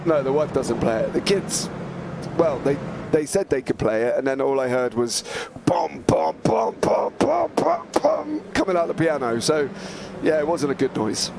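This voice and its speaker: This man calls sim races live, his croaky, flu-roughened voice delivering excited play-by-play between bits of chat. He speaks at medium pitch and a moderate pace over background noise.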